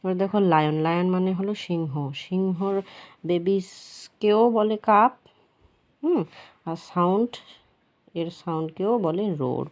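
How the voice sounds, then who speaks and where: A woman teacher, explaining a children's workbook lesson patiently and repeating the answers slowly. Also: lowish voice, darkish tone.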